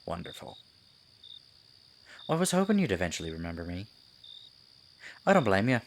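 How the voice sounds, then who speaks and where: A low-voiced, sinister piper acted out by a man in an ASMR fantasy roleplay. He is silky and condescending, coaxing his prey like a theatrical storyteller with lively swings of pitch. Night insects chirp faintly behind him. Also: normal speed, slight background noise. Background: crickets, night forest ambience.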